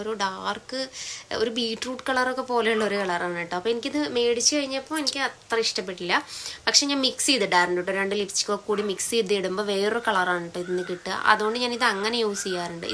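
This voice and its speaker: A woman's voice: mid-range voice, pushed and bright, slight background noise. A woman with a Malayali accent showing her collection in a casual, chatty vlog, tagging her sentences with little asides. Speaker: beauty vlogger. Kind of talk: casual product showcase.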